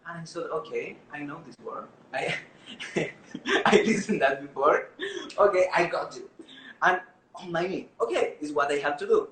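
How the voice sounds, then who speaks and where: A man from Chile tells a story in broken, English, stopping on "eh" and lifting his fairly high voice when he acts out what people said. The sound comes from an echoey room, with a faint hum of ambience behind him. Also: moderate pace, fairly bright tone. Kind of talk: live storytelling to an audience.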